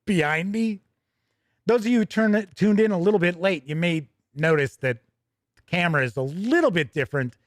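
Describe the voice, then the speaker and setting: A man hosts a casual livestream, chatting and answering viewer questions in a rambling, conversational way, frequently interrupting himself. His voice sits high and moves at a normal speed. The recording is dry and studio quality.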